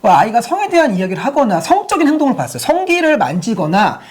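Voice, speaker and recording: A woman's voice: a little high, wildly swooping pitch, fast, a little mellow, slightly rough. A woman giving a sex education lecture to parents, using many rhetorical questions to the audience.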